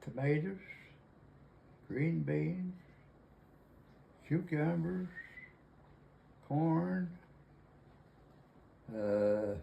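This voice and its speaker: Slow gravelly older man, halting. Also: fairly high pitch, warm tone, muffled recording, a little hiss or hum. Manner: slow, halting, many pauses and fillers. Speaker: interviewee. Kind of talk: casual family chat.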